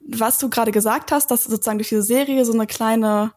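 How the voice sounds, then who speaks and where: A woman's voice: fairly high pitch, fairly even intonation, a little fast, a little mellow. A woman co-hosting a podcast in casual discussion, hesitant and searching for words, with many fillers. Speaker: podcast host.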